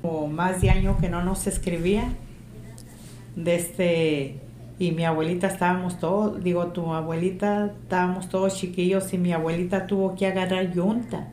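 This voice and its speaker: A middle-aged mother reminisces about her childhood with a strong, low-pitched voice and brings old conversations to life as she tells them. The room is echoey, with faint ambient noise underneath. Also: moderate pace. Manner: animated, strong voice, acts out remembered dialogue. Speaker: interviewee, mother of the interviewer. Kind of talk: casual family storytelling.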